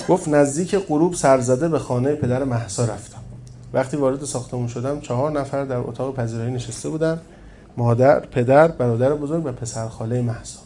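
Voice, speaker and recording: A man reading a first-person story aloud as narrator, in a steady storytelling manner. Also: medium pitch, a little hiss or hum. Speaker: audiobook narrator.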